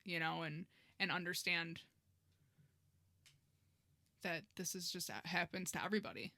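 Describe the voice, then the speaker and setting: A woman co-hosting a casual podcast, reflective and earnest, pausing and thinking aloud as she goes. Her voice sits a little low yet sounds bright and forward. The sound is dry and close to the mic. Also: fairly even intonation, dry recording. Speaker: podcast co-host, embalmer.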